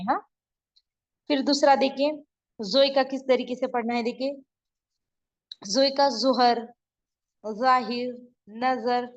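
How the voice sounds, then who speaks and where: A woman teaching letter writing online, explaining patiently as she draws and often checking that her students follow. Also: fairly high pitch. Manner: patient, repeats and checks understanding. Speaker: online Urdu script teacher. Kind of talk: explaining while drawing letters on a board. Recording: dull lo-fi sound.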